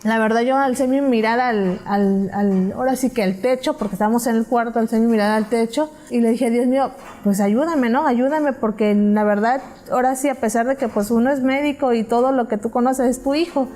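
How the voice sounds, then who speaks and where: A woman's voice: fairly high pitch, fairly even intonation, fairly quick, hardly any pauses, warm tone. A mother giving a personal testimony in church, retelling conversations with hesitant fillers.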